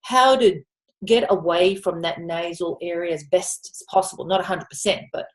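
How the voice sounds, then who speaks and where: A woman voice coach in an interview, explaining voice technique with lively demonstrations. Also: on the low side, normal speed. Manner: animated teacher, drops into vocal demonstrations.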